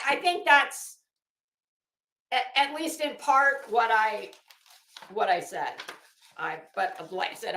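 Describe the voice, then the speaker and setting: Medium in pitch, her voice is creaky, pushed and bright, heard in a roomy space with a little hiss or hum. As a livestream host, she offers casual live commentary, thinking aloud informally with rambling hesitation and reading legal documents aloud.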